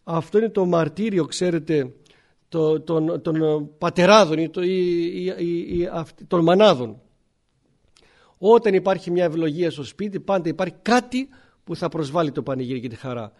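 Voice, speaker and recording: High-voiced priest preaching a sermon. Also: male voice. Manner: explains and asks rhetorical questions, clears throat often.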